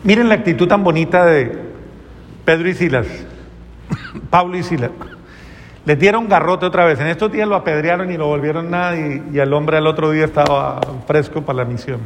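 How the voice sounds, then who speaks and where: A man's voice: a little high, fairly quick, big-room sound. A man, a priest, delivering an earnest, moralizing sermon full of rhetorical questions.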